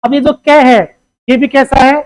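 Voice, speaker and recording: A high-pitched teacher runs an exam-prep grammar lesson. The teacher asks a steady string of questions, answers each one, and addresses the students affectionately as "beta.". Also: normal speed, low-quality recording. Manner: asks questions, answers them itself, calls listeners "beta".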